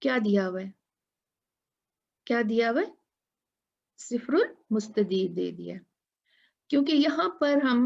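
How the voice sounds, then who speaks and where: A woman teaching a tajweed lesson who explains patiently, asks her students questions and chants Quran verses in a drawn-out style. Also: on the high side, vocal fry, darkish tone, highs cut off.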